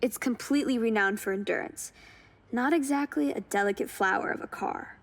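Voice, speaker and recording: A woman voices an upbeat, encouraging car enthusiast who joins the player in hunting cars during scripted video game cutscenes. Her fairly high voice moves a little fast, enthusiastic and conversational, friendly in mood. Music plays beneath her.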